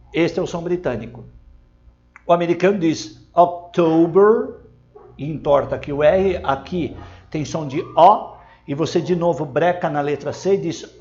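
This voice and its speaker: A man teaching an online lesson. He explains pronunciation step by step, models English words slowly and keeps checking in with the viewer. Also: high-pitched, darkish tone, dull audio. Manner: frequent checking tags to the viewer.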